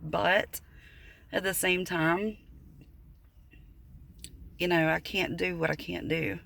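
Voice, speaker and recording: A woman in her thirties talking to camera in a casual personal vlog, halting and earnest, with many fillers and restarts. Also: fairly low pitch, fairly even intonation, gravelly, a bit bright. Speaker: vlogger.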